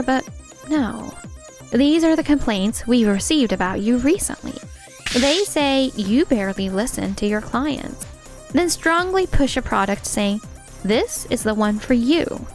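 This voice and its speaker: In a manga romance dub, a woman with a very high voice plays a poised young lady boss. Composed, earnest and supportive, she is frank but kind, delivering anime-style dubbed dialogue over soft background music.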